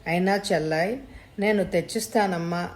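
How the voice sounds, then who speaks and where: A woman's voice: on the low side, normal speed, close to an everyday voice. A woman voicing a young man mourning his sister and bitter toward his drunken father. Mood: tender. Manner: bitter, heartbroken.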